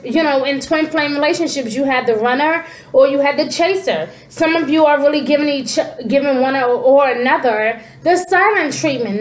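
In her forties, this high-pitched tarot reader sounds congested and stuffy-nosed as she does a casual spiritual reading straight to camera. She talks with lively hand gestures and plenty of "you know" and "okay," recorded by a desk-distance camera in a small, echoey, roomy-sounding room.

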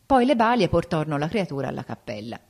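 A woman reading an old folk tale aloud as an audiobook narrator, in a steady storytelling manner. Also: deep voice, fast, gravelly, slightly rough.

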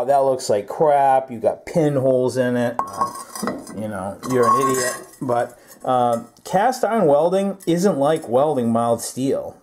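A man's voice: mid-range voice, darkish tone. Folksy man talking in a noisy workshop. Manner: folksy, rambling, self-joking. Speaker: welding channel host. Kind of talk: casual workshop demo talk. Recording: noisy shop background.

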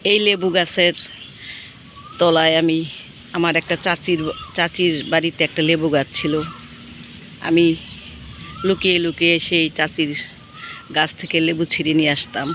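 A hoarse woman with a cold, hosting a gardening vlog and gently telling nostalgic childhood stories from her rooftop garden outdoors. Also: deep voice, little pitch movement, normal speed, pauses often, slight background noise. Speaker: gardening channel host. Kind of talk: casual reminiscing vlog.

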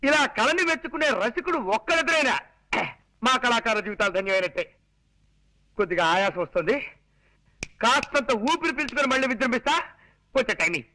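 An old male flute player in a film comedy, wheezing and short of breath, who talks to the young man like a doting father. His voice is very high and bright, and the words tumble out fast. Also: animated, exaggerated voice, poor audio. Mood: gratified.

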